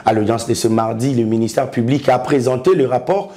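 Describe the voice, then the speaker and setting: A man's voice: medium pitch, a little fast, warm tone. A male news anchor reading a scripted news item in a formal, announcing manner.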